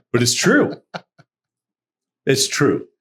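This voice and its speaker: A Massachusetts man co-hosts a podcast from a studio, telling a story in casual conversation and swearing freely. His voice is medium-pitched and a little bright.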